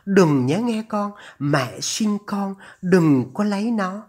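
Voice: medium pitch, expressive, a little slow, slightly rough. A narrator voicing an anxious older mother on the phone, her trembling voice urgent and scolding as she pleads. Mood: pleading, alarmed.

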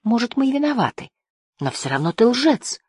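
A woman's voice: on the low side, big pitch swings, a little fast, husky, no echo, studio quality, voice pushed up. A woman reading the lines of an angry young male hero with a bitter, accusing manner.

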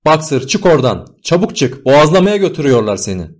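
Motherly mare calling out in anguish, played by a man, pitched high and loud in a storybook reading. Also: very animated, quick pace. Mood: desperate crying. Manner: heartrending cries. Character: motherly mare, desperate and crying out.

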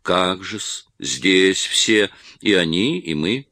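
A man's voice: low-pitched, animated, slow pace, pushed and bright, no room sound, clean studio sound, full character voice. A man voicing an obsequious, servile theatre actor who ends his words with a fawning '-s'.

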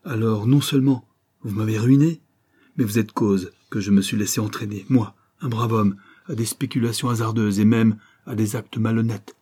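A man's voice: lowish voice, fairly even intonation, moderate pace, dark tone, husky. A man voicing an old, embittered ex-convict vagabond who speaks with bitter, vehement accusation. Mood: bitter accusing.

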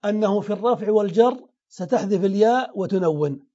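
A man's voice: high voice, brisk, mellow, highs cut off. A man teaching grammar in a classroom lesson, explaining step by step and answering his own questions.

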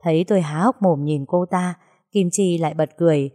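A woman narrating a story in an even storytelling manner. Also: lowish voice, brisk.

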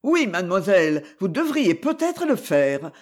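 Un homme jouant une femme de ménage à la voix rauque. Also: male voice, high voice, very animated, unhurried, exaggerated voice. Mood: defiant. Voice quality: raspy. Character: shabby, hoarse charwoman, bold and defiant.

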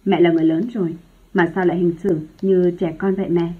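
Storybook role: a frustrated young man in love, read by a woman, low and husky, on a phone-like line. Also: little pitch movement, fast talker. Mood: arguing. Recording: tinny phone-like lo-fi sound.

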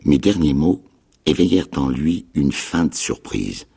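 A male actor narrating a novel in a dramatic radio reading, with expressive storytelling. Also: rumbling low, unhurried, creaky, breathy edge.

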